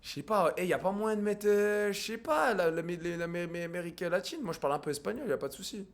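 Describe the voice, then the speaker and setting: A man's voice: sits high, quick pace. A man with a French accent streaming casually, crude and joking, mixing in English and Spanish. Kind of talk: casual live-stream chat.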